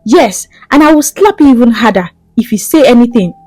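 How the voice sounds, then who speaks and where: A fierce young wife with a hot temper, as a woman narrator puts her on, scolding loudly and mocking whoever she's aiming at. Her pitch leaps around as she jeers. The sound is close and dry with no room behind it. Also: animated, brisk, no echo, soft background music. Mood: furious scolding.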